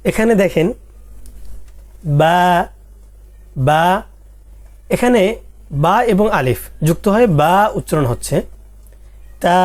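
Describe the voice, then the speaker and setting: Slow, deliberate Arabic alphabet teacher. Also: medium pitch, darkish tone. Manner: deliberate, repeats each letter and asks its own questions. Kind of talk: Quran alphabet lesson.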